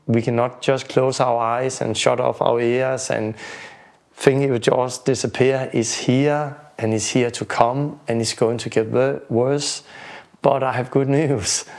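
A man's voice: medium pitch, fairly even intonation, unhurried, creaky, darkish tone. A man in his forties with a Danish accent, a preacher giving an earnest testimony to camera, often repeating words as he restarts sentences indoors. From Denmark. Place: indoor home room.

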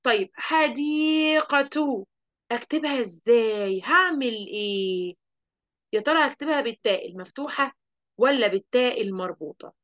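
A woman with an Egyptian accent teaching an online lesson to young children, lively and asking the class questions she then answers. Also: a little high, a little fast, lo-fi sound. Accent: Egyptian Arabic. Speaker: primary school teacher.

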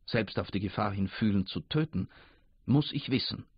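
Male reader doing eager, curious personified Thinking, husky, dry close sound. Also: on the low side, animated, moderate pace, dry recording, full character voice. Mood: eager, insistent. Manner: eager, insistent. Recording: dull lo-fi radio recording.

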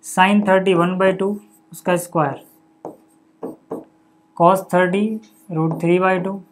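Slow and steady in tone, a high-voiced man teaches maths step by step at the board, reading the numbers and steps out one at a time. He asks the viewer what comes next, then supplies the answer, peppering his talk with "okay" and "buddy," over slight background noise.

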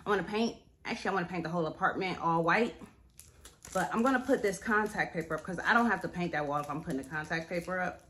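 A woman's voice: fairly low pitch, quick pace, fairly bright tone. A young woman chatting casually to her vlog camera, talkative and loose, filling her sentences with "like" and "y'all". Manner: chatty, says "like" and "y'all" a lot. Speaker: vlogger. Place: apartment at home, then a store.

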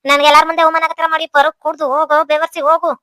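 A woman voicing shrill quarrelling village women. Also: little pitch movement, bright, forceful tone, no room sound, studio quality. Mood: bossy. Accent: North Karnataka Kannada. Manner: scolding, rapid-fire quarrelling. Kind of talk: cartoon voice acting.

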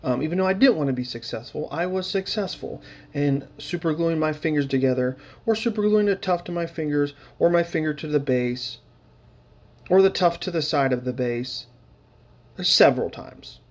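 A man's voice: a little high, moderate pace. A man casually narrating his hobby painting footage, rambling with lots of fillers and dry, sarcastic humor.

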